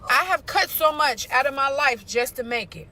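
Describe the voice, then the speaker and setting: A high-pitched woman vents in a clip, exasperated and repeating herself. Her bright voice swoops widely up and down as she complains. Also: lively intonation, moderate pace. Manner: exasperated, repetitive venting. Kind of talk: venting in a video clip.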